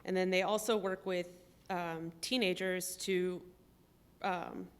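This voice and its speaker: Flat-voiced woman explaining things carefully. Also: on the low side, clear, resonant tone. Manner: measured, explains step by step with frequent ums. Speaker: trip participant. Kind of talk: conversational explanation.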